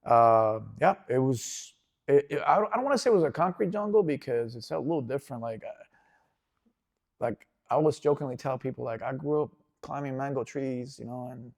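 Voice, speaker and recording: Fairly quick and gravelly, with a medium pitch, a Venezuelan-born man in his forties, a jiu-jitsu instructor appearing as a guest, rambles easily about his childhood in a casual interview. His storytelling loops back on itself, full of fillers and restarts.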